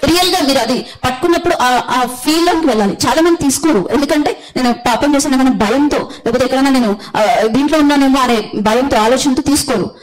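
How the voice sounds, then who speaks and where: A woman preaching a sermon, blunt and forceful, often calling out hallelujah. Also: high voice, brisk, poor audio.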